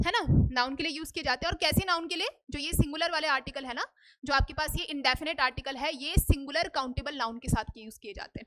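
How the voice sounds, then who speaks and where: तेज़ ऊँची आवाज़ वाली शिक्षिका. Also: female voice, high-pitched, bright, forceful tone. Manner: asks students questions and answers them herself, repeats "ठीक है?". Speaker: English teacher. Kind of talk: Hindi-English grammar lesson. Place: classroom.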